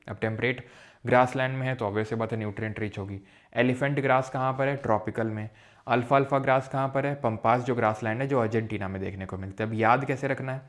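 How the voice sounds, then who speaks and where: Casual man teaching a geography lesson. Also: medium pitch. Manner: casual, mixes English terms into Hindi speech; playful, jokes to make memory tricks. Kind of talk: recorded geography lecture.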